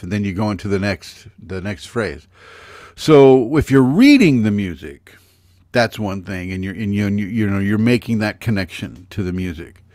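A man's voice: on the low side, no room sound, clean studio sound. An older man giving a rambling, conversational spiritual teaching on a video call, talking to viewers by name. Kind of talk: live online spiritual teaching.

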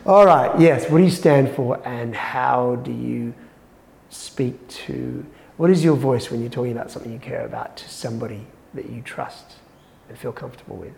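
Gravelly, frank man talking to camera. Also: medium pitch, moderate pace, in a large hall, slight background noise. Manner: animated, self-interrupting, frank. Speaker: podcast host. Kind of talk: casual solo talk.

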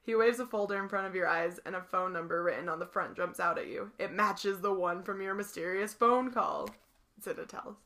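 Bright-voiced young woman reading a game aloud. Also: medium pitch, a little fast. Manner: giggly, reads aloud with playful asides. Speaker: podcast co-host. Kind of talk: casual reading of a board game story.

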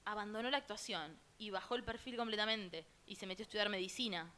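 Woman, Rioplatense accent, bright voice, relaxed playful host, casual chat. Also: medium pitch, fast. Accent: Rioplatense Spanish. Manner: relaxed, playful, leads the segment.

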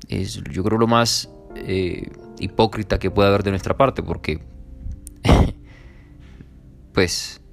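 A man preaching a sermon, earnest, with rising emphasis when quoting pleas and scripture. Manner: earnest, rises in pitch for emphasis and quoted pleas.

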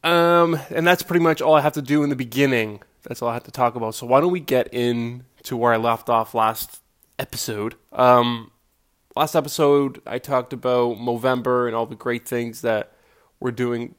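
A man's voice: mid-range voice, steady tone, moderate pace, a bit bright, smooth. A young man hosting his own solo podcast, talking casually and self-deprecatingly, rambling with fillers. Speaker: podcast host.

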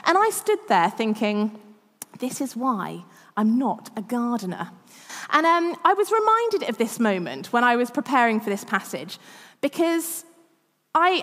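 A woman's voice: fairly high pitch, in a large hall. A woman in her thirties preaching a sermon, chatty and self-deprecating, often laughing at herself. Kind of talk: sermon with personal stories.

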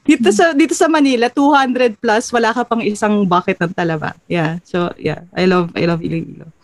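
A woman's voice: mid-range voice, normal speed, no echo. A woman hosting a casual chat, switching between Filipino and English, laughing often and telling stories with energy. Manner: Taglish code-switching, laughs often, lively storyteller. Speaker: host.

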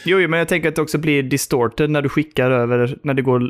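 A man co-hosting a podcast in casual chat, animated and fond of mimicking posh English. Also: a little high. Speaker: podcast co-host.

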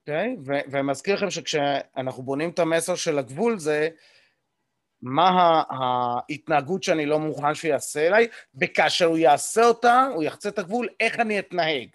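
Male workshop coach, fairly high voice, explanatory, hesitant fillers, keeps checking in with the room. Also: no room sound, studio quality. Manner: explanatory, checks in often with the audience. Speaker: communication coach leading a workshop. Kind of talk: live teaching to a group.

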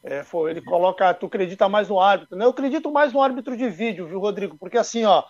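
A man's voice: high-pitched, lively intonation, fast, darkish tone, no room sound, dull audio. A man commenting in a casual football debate, explaining things by acting out imagined exchanges. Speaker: sports commentator.

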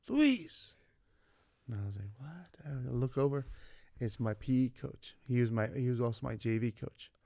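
A California vice principal in his forties, appearing as a podcast guest, tells stories in a casual interview and animatedly acts out what people said. His medium-pitched voice is clear and resonant, and the recording is dry.

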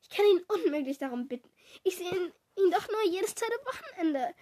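A woman's voice: very high voice, animated, a little fast, darkish tone, voice pushed up. Woman reading as a whiny schoolgirl. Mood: whining. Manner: pleading, whining. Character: whiny self-pitying schoolgirl.

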